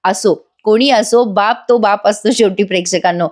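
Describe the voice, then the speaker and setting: A woman's voice: mid-range voice, normal speed, a little mellow. Chatty woman narrating a serial recap. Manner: chatty, addresses viewers, comments wryly. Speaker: serial review host. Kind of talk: voice-over episode recap.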